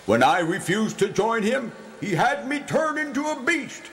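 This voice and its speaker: A big, grand cave beast from a children's audio drama. He bellows in a theatrical cartoon manner, high for a male voice and swinging wildly in pitch. He sounds kindly and lordly over a noisy background. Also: big pitch swings, moderate pace. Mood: grave, remembering.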